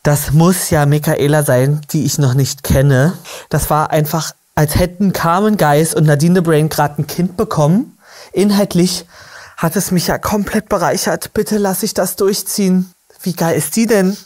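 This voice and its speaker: Low-voiced woman host, excitable and chatty, doing casual reaction commentary. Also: normal speed. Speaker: podcast host.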